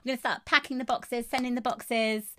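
A woman's voice: a little high, steady tone, a little fast, bright, forceful tone. A woman co-hosting a chatty podcast, bubbly, laughing often and restarting her sentences. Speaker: podcast co-host. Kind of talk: casual chat.

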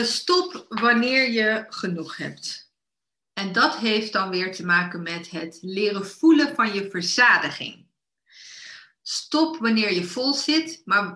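A woman's voice: mid-range voice, sharp tone, echoey room. A woman giving casual coaching advice about eating, with frequent fillers and restarts, now and then acting out an inner voice. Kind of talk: casual talk.

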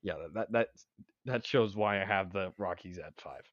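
A man's voice: fairly low pitch, moderate pace, no echo. A young man co-hosting a casual sports chat. He rambles and restarts his sentences, pushing his opinions hard. The recording is dry and slightly muffled. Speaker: sports podcast co-host. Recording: dry, dull lo-fi sound.

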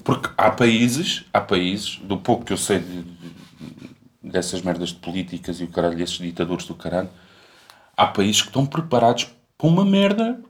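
A young adult man from Portugal co-hosts a podcast, chatting casually in a rambling, slangy way packed with swearing. His voice is low and sing-song, at a normal speed.

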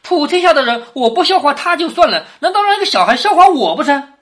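A woman voicing a bold, sharp-tongued noblewoman who orders people about and mocks freely, reading her lines in a raised, forceful voice. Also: high-pitched, very animated, fast talker, pitched above the performer's own voice. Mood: brash, commanding. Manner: brash, commanding, mocking.

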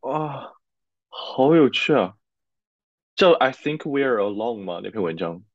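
A man's voice: mid-range voice, animated, unhurried, no room sound. A man hosting a podcast who talks through his readings in a reflective, casual way, mixing Chinese and English. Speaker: podcast host. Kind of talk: casual academic chat. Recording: dull, dry sound.

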